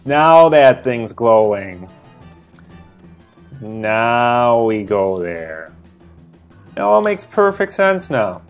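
Slow-talking joking gamer guy. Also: medium pitch, sing-song, soft background music. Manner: joking, rambling, wisecracking. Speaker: let's play gamer. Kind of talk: casual gameplay commentary.

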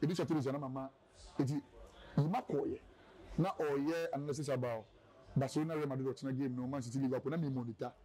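A man's voice: medium pitch, fairly even intonation, fast, warm tone, poor audio. A man with a Ghanaian accent, a radio presenter, telling his story in a casual interview and rambling between a local language and English.

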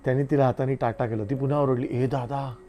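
A middle-aged man from India reading his own short reflective essays aloud in a measured, storytelling manner, with quiet pauses. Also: mid-range voice, steady tone, faint music behind. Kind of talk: literary book reading.

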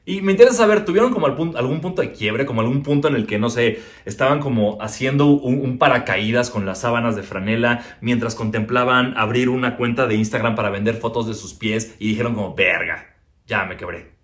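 A man's voice: medium pitch, fast talker, hardly any pauses. A young Mexican man doing stand-up comedy from his living room, crude and self-mocking, arguing back and forth with himself.

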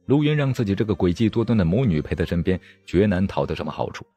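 A man narrating a martial-arts novel aloud in a dramatic, expressive storytelling manner. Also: deep voice, quick pace, husky. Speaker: audiobook narrator. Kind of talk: storybook reading of a wuxia novel.

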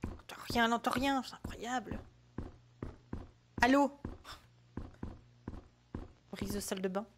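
A French woman streamer talks her viewers through a horror game, reacting out loud to every scare. Her voice sits high for a woman and has a faint hiss behind it. She is chatty and jumpy, keeping up a running commentary. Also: unhurried, pauses often. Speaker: gaming streamer. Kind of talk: casual let's-play commentary.

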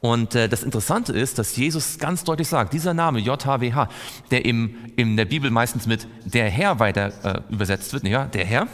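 Male preacher, mid-pitched, teaching a Bible study, quizzes his listeners, long hall reverb. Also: a little fast, a bit bright. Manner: asks the audience questions and answers them.

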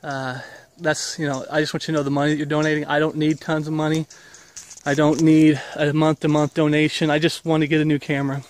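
Quick-paced and a little high, with not much pitch variation, the voice belongs to a ministry leader in his forties walking outdoors on a wooded path. He films himself at arm's length on a handheld camera, giving a casual, rambling, earnestly preachy update while getting over an illness.

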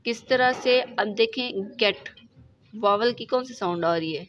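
A woman with a Pakistani Urdu accent teaching shorthand in a recorded lesson, going slowly step by step and checking in with the class after each point. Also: on the high side. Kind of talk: recorded lesson explaining examples. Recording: dull lo-fi recording with faint noise.

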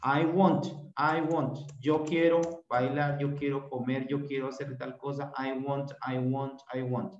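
Guy teaching class over video call, repeats stuff slow, muffled lo-fi and roomy sound. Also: medium pitch, little pitch movement, a little hiss or hum. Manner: drills phrases slowly, repeats them often. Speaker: English teacher. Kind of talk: virtual class instruction. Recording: echoey room, dull lo-fi sound.

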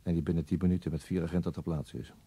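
A male actor voices a tired, brooding police detective for a radio play monologue, delivering it slowly and with resignation. His deep voice is husky, gravelly, steady and dark, and the mood is somber.

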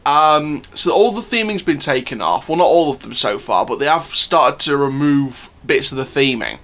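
A man's voice: a little high, lively intonation, normal speed, a bit bright. A man hosting a theme park news channel, talking to viewers in a chatty, enthusiastic fan style. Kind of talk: casual news commentary.

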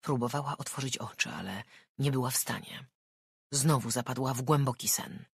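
An audiobook narrator reading a thriller in a measured, even storytelling voice. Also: medium pitch, vocal fry, slightly rough, no echo, studio quality.

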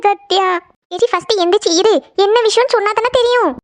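Woman voicing Sathya, coaxing young friend, high-pitched. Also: racing. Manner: coaxing, repeated questions. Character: caring young woman consoling her crying friend. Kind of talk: cartoon voice acting.

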